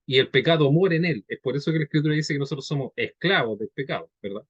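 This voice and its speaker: A male preacher giving a conversational teaching sermon, checking in with his listeners by often asking "¿ya?" and "¿verdad?", and reading scripture slowly. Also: fairly high pitch, expressive, breathy edge, dry recording, muffled recording. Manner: reads scripture slowly and deliberately.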